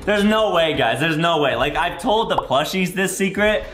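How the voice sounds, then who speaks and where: With music underneath and an echo from the indoor recording room, a young American man delivers dramatic, childlike play-by-play for children as a gaming video host, repeating himself a lot. His fairly high voice is expressive and moves at a moderate pace.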